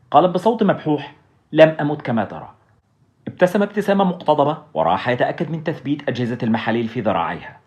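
A man narrating an audiobook story in a steady, dramatic way. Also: mid-range voice. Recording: dull lo-fi recording.

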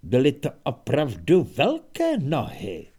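A man reading a comic fantasy audiobook in a wry, expressive storytelling manner. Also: medium pitch, breathy edge. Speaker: audiobook narrator. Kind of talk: scripted narration.

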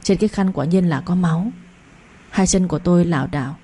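A woman's voice: lowish voice, fairly quick, dark tone, husky. A woman giving earnest, heartfelt first-person narration of a story.

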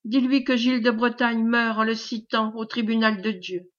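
A woman reading the lines of a dying, imprisoned young nobleman who refuses to forgive, in a slow, hushed, grave way. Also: fairly high pitch, little pitch movement, close to an everyday voice. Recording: dull lo-fi recording.

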